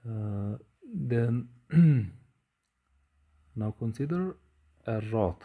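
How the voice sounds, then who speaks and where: A man giving a physics lecture at a board, speaking slowly with frequent "uh" hesitations while he writes. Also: medium pitch, animated, narrow, tinny audio. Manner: slow, measured, frequent hesitations with uh. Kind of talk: whiteboard lecture.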